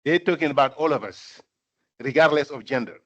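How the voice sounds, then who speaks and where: An older man from Senegal giving a speech at a corporate event, talking in a measured way, with many fillers and repeated phrases for emphasis. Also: a little high, fairly bright tone. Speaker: guest speaker. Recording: dull lo-fi sound.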